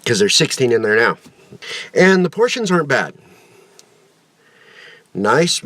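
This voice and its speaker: Male reviewer, mid-pitched and folksy, chatting casually with a pouch tucked in his lip, very dry room sound. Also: fairly bright tone, no room sound. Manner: folksy, colloquial phrasing. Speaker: snus product reviewer. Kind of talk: casual review chat to camera.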